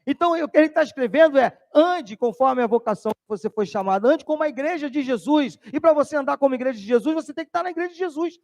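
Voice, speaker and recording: Male pastor preaching, high pitched, animated, Brazilian Portuguese accent. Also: fast talker, few pauses. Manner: animated preaching, drops voice low to tell stories. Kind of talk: sermon.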